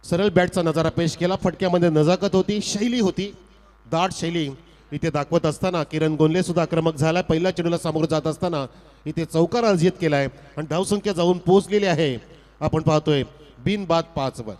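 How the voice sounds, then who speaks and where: High-voiced man announcing over a PA system. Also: a little fast. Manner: formal, flowery announcer delivery that rises sharply on big shots. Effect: heard over a PA system. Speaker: cricket match commentator. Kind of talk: live local cricket commentary. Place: outdoor cricket ground. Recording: long echo from a loudspeaker PA.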